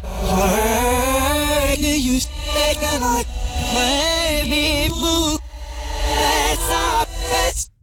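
A woman's voice: sits high, steady tone, very slow, pauses often, a bit bright, soft background music, poor audio. A woman's sung pop vocal played backwards, so the syllables come out slurred, warbling and ghostly. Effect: song clip played backwards. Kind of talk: reversed pop singing.

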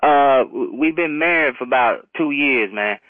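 A man's voice: medium pitch, moderate pace, no room sound. A man in a heated, confrontational phone conversation, talking in informal street slang over a telephone. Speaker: prank call recipient. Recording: narrow, tinny phone line.

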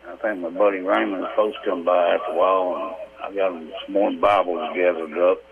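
A man's voice: sits low, fairly even intonation, brisk, gravelly, crowd noise. A man calling in to an AM radio show, chatting in an easygoing, folksy way over a phone line. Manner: folksy, easygoing plain talk. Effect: AM radio call-in sound over a phone line. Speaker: radio call-in caller. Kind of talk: casual chat.

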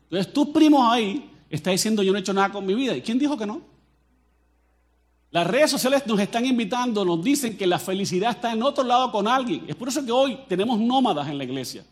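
A Colombian pastor with a high-pitched voice delivers a lively sermon. He jokes with the congregation and speaks to them directly, with an animated delivery. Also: fast. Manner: animated and joking, addresses the crowd directly.

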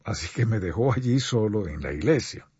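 Man, radio preacher, husky voice, pleading sermon, dry dull recording. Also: on the low side, animated, a little mellow, no echo. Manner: earnest, pleading, slow deliberate pauses. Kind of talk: sermon addressing listeners.

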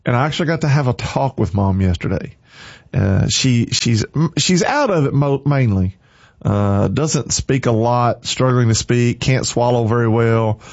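This morning radio host has a mellow, medium-pitched male voice without any room sound. He is preachy and fervent, repeating short commands in a dry, close, slightly muffled studio recording.

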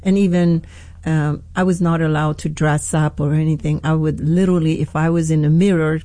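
A woman in her sixties from Iran with an Iranian accent, a pastor telling her life story in an interview, earnest and hesitant with many pauses and restarts. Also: low-pitched, fairly even intonation, warm tone, no room sound. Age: 60s. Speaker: pastor, guest. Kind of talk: personal testimony in an interview.

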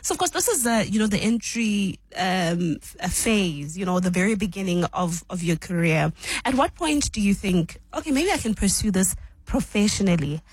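A woman's voice: medium pitch, animated, moderate pace, breathy edge, no room sound, poor audio. A woman interviewing a guest, asking long questions with fillers like "you know" and "um".

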